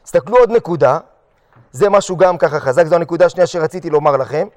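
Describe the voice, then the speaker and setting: A man teaching a lively religious lesson to his students, throwing questions at the room and acting out little quotes. His voice sits high for a man. It rings with a long echo, as in a big hall. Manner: animated, questions the class, acts out short quotes. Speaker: yeshiva teacher.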